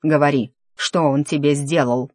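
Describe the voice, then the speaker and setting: A reader voicing a tense, stubborn young nobleman in an audiobook, speaking slowly and with restraint. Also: medium pitch, fairly even intonation, a little mellow, no echo, clean studio sound, close to an everyday voice. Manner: restrained, clipped, slow. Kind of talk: audiobook character dialogue.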